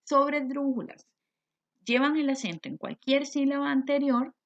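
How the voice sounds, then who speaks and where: Costa Rican woman teacher with a gravelly voice. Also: a little high, fairly bright tone. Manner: explains step by step, asks and answers her own questions. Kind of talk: recorded grammar lesson. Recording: dull lo-fi recording.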